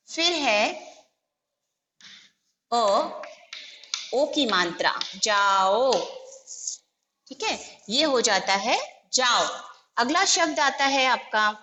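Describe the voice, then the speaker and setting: A woman's voice: fairly high pitch, sharp tone. A woman teacher patiently explaining a lesson, breaking each word into its letters and vowel signs one at a time. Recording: echoey room, faint background noise.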